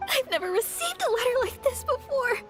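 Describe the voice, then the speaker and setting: A woman voicing a gentle, timid young woman healer in a game cutscene, soft and sweet, with a halting, anxious delivery. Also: extremely high pitch, big pitch swings. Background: game music.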